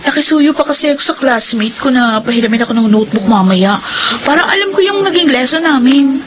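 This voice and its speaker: A woman's voice: sits high, animated, a little fast, slight background noise, low-quality recording. A woman with a Filipino accent acting a coy, slightly whiny teenage girlfriend in a radio drama.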